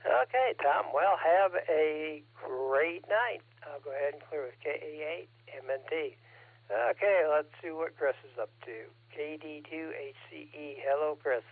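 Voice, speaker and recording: A man's voice: fairly high pitch, unhurried, no room sound. Encouraging guy doing net control on ham radio, dry muffled sound. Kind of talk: amateur radio net check-in chat.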